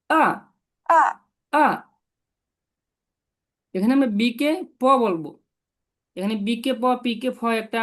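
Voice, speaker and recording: A woman teaching tones in a one-on-one online lesson over a video call, patiently repeating syllables for her student. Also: on the high side. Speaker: Chinese language tutor.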